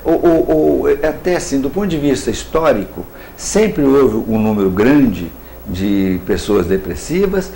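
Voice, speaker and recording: A Brazilian man hosting a local TV interview, asking halting, rambling questions with many restarts. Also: medium pitch, expressive, dark tone, a little hiss or hum. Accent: Brazilian Portuguese.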